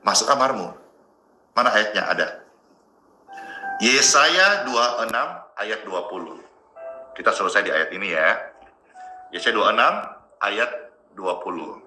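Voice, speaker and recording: A man preaches a sermon to people watching, talking casually and joking between points. His voice sits low but sounds very bright and forceful. The room is echoey, with faint music underneath. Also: lively intonation, measured pace, long pauses. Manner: joking, conversational preaching to viewers. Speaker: pastor.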